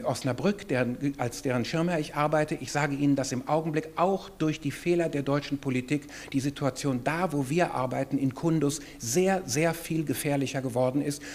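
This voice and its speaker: A middle-aged man giving a measured, reflective acceptance speech at a lectern in a hotel ballroom. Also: mid-range voice, darkish tone, husky. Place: hotel ballroom with seated audience.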